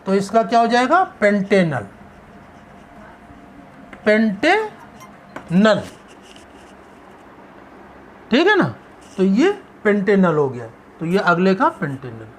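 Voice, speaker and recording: A man's voice: high voice, sing-song, moderate pace, a little hiss or hum. A male chemistry teacher giving a classroom lecture. He poses questions and answers them himself, stretching out the key terms.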